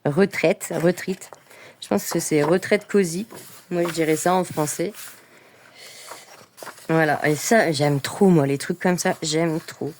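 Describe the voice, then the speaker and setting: A woman talks through her coloring books in a relaxed vlog. Her voice sits on the lower side for a woman. She is chatty and enthusiastic, with plenty of fillers and restarts. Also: unhurried, pauses often, slight background noise. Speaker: coloring book vlogger. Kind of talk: casual vlog chat.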